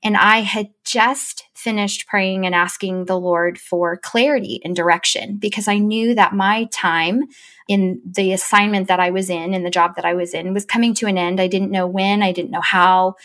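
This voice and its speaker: Animated woman telling a story. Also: normal speed. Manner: animated, gets high and excited when quoting herself. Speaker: guest; chief operating officer. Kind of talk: casual storytelling interview.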